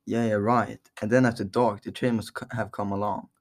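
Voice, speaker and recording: A man's voice: fairly low pitch, level tone, a little fast, a little hiss or hum, natural voice. A man acting a hot-headed, wisecracking boy in an amateur dramatic read-through, with a cocky, needling manner. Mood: eager.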